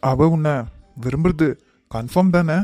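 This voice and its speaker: A man's voice: a little high, moderate pace, mellow, dry recording, lightly acted. A man voicing a firm but kind young elder brother in a cartoon, with a Kanyakumari Tamil accent and a decisive, reassuring manner. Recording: voice over guitar music.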